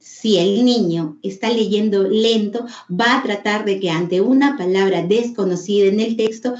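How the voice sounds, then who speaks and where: A woman's voice: medium pitch, a little slow, a little mellow. A woman with a Peruvian Spanish accent giving an online teacher-training lecture, explaining step by step and repeating phrases for emphasis. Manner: explanatory, repeats phrases for emphasis, acts out a child sounding out a word. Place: home or office on a video call. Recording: roomy dull online session audio.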